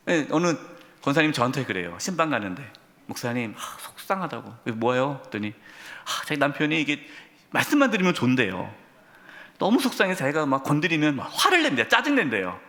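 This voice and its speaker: A middle-aged male pastor preaching a sermon, telling stories and putting questions straight to his congregation. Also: fairly high pitch. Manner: addresses congregation directly with questions; storytelling, animated emphasis. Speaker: senior pastor. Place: church sanctuary. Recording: long church hall reverb.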